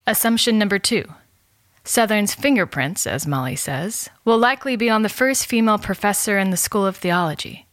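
A woman's voice: medium pitch, animated, moderate pace, a bit bright, dry recording, studio quality. A woman reading scripted documentary narration as the host.

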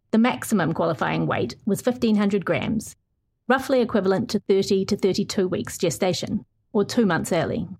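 A middle-aged woman reads a long feature aloud. Her voice sits at an ordinary middle pitch, and her reading is steady and clear. When answering questions she talks more loosely, with small restarts. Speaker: reporter.

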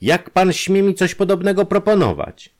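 A man's voice: high-pitched, big pitch swings, moderate pace, darkish tone, pitched above the performer's own voice. A man doing a fiery, indignant rich industrialist. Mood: outraged. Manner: indignant, exclamatory. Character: wealthy male industrialist, proud and quick-tempered.

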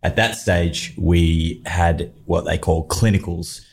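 A man's voice: deep voice, steady tone, slow, vocal fry, a little hiss or hum. A man in his thirties with a broad Australian accent, chatting casually and telling stories in an interview. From Australia, partly raised in the southern United States. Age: 30s. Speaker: podcast host telling his own story. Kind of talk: casual interview chat, anecdotes.

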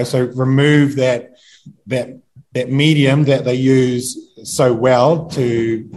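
A man with a New Zealand accent, a campaigner guest speaking in a halting way with many fillers. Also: medium pitch, darkish tone. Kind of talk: casual interview.

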